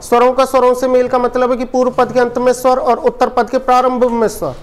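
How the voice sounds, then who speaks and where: A man's voice: extremely high pitch, flat delivery, brisk. A man teaching a coaching class, quizzing students again and again and answering his own questions. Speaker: Hindi teacher. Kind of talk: classroom lecture with call-and-response drilling.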